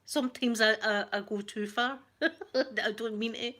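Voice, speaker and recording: A woman's voice: fairly high pitch, steady tone, unhurried. A woman with a Glaswegian Scottish accent, chatting casually on a live ASMR stream, greeting viewers by name and often breaking off mid-sentence. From Scotland. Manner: chatty, warm greetings to viewers, frequent laughs and self-interruptions. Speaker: ASMR channel host reading live chat.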